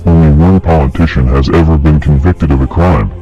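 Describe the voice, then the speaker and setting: A man with a disguised, pitched-down deep voice, delivering a grave, accusing scripted address as an anonymous narrator. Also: fairly even intonation, brisk, warm tone. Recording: dull lo-fi audio with faint music.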